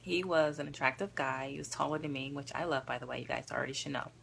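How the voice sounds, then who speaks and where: Gravelly, bright-voiced woman telling a story. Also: a bass voice, fast talker, slight background noise. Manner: candid, profane, animated. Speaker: vlogger. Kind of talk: casual storytelling to camera.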